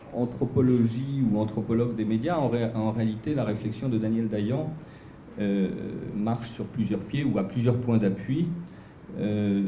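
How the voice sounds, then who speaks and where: Man, seminar chair, hesitant introduction, low dark voice, echoey room, faint hum. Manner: hesitant, many filler sounds and restarts. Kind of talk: academic introduction.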